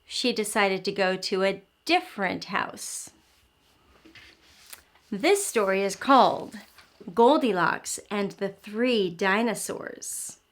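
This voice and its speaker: For young children, the host of an early learning show reads a story interactively, expressive in her telling and explaining as she goes along. She uses a mid-range, expressive voice and takes things slowly.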